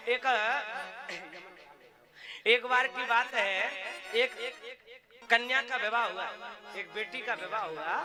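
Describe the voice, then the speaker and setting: A man preacher giving a devotional talk, telling a folk story and calling on listeners to chant. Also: extremely high pitch. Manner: storytelling, calls on the crowd to chant. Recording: live talk with accordion music behind. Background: accordion music.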